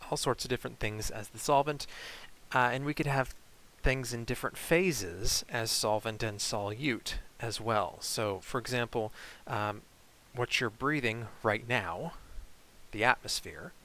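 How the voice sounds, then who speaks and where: A man teaching chemistry in a recorded online lecture, explaining in a relaxed way with frequent fillers. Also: lowish voice, gravelly, slight background noise, low-quality recording.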